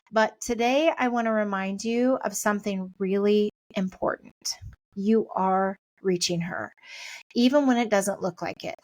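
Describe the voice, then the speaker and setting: A woman's voice: medium pitch, no room sound. Chatty encouraging middle-aged woman. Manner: chatty, encouraging, talks things through. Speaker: parenting podcast host. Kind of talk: casual podcast pep talk.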